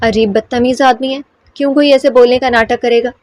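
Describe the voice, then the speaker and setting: A woman's voice: fairly high pitch, steady tone, darkish tone, lightly acted. A woman voicing a feisty, protective young woman in an audiobook. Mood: angry.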